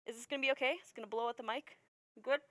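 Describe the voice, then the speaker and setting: A woman's voice: a little high, fairly even intonation, rapid-fire, no room sound, clean studio sound. A woman co-hosting a playful science live stream, upbeat and giggly as she explains experiments. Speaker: science show co-host.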